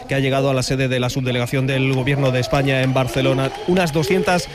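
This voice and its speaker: A man filing a live news report from outdoors at a street protest, brisk and informative. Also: medium pitch, fairly even intonation. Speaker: field reporter.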